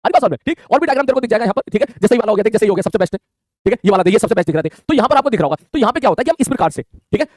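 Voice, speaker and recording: A man teaching a physics lesson online, talking in a quick, colloquial way and checking in with his students constantly. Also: high-pitched, animated, darkish tone, no room sound, studio quality. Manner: rapid colloquial Hindi, calls students "mere bhai", frequent "theek hai".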